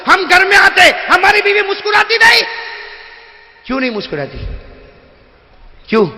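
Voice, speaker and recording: High bright shouting preacher in a hall. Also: male voice. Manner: shouting, rhetorical questions to the crowd. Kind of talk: sermon. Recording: long hall reverb.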